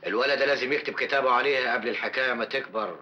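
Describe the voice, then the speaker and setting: An actor playing a protective neighbor with an Egyptian accent, speaking firmly and reassuringly in a classic film. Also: male voice, medium pitch, very fast, pushed and bright, close to an everyday voice. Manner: reassuring, firm, threatening on others' behalf. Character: protective neighbor man, tough and loyal. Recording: dull old film soundtrack.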